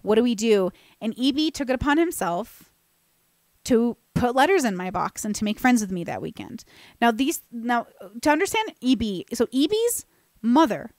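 A woman's voice: a little high, no echo. Chatty young woman, close dry studio mic. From California. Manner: chatty, self-deprecating, many restarts and fillers. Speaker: podcast host. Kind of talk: casual storytelling monologue. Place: bright room with plants. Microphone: boom-mounted studio mic close to mouth.

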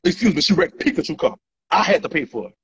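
In a heated selfie-video rant, a man with a fairly high, husky voice talks fast and with a lot of animation as he angrily and profanely lays into his followers. He holds the phone at arm's length in an indoor room, gesturing wildly and repeating himself. The phone audio is dull and lo-fi.

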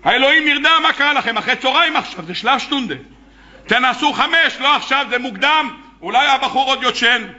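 A man's voice: very high-pitched, lively intonation, bright, forceful tone, lo-fi sound, exaggerated voice. A man acting out a bold prophet who commands and mocks his rivals. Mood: mocking. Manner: mocking, commanding.

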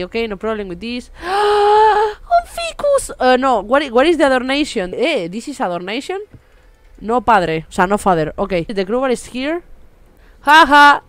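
A high-voiced woman with a Spain Spanish accent streams a game from her home room. She is excitable and sweary, keeps slipping into broken English and sings bits of a jingle as she plays. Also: smooth, no room sound. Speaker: gaming streamer. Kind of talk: let's play commentary.

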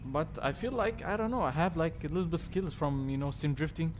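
A young man from Tunisia hosts a racing game livestream, his voice sitting a bit high for a man. He answers chat casually in English that is not his first language, full of "like" and "you know". Loud music plays under him. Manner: halting, filler-heavy, reads chat aloud and thanks subscribers. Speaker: livestream host.

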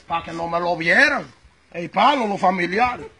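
A man with a Dominican accent telling a comic story in a casual, animated way, acting out the scenes. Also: high-pitched, normal speed, creaky, crowd noise. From Dominican Republic. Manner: animated, acts out the scenes he tells.

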